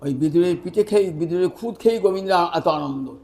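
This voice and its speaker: A man's voice: high-pitched, quick pace, creaky. A man giving a devotional sermon as a storyteller, acting out the lines of the people in the tale. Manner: animated, acts out the dialogue of the tale. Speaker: preacher.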